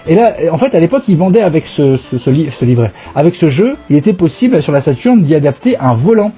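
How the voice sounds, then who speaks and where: A man with a stuffy cold hosts a casual live gaming stream, talking playfully and nostalgically. His voice sits high for a man but is mellow and soft-edged. Faint music plays behind him. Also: big pitch swings, fast talker. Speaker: host.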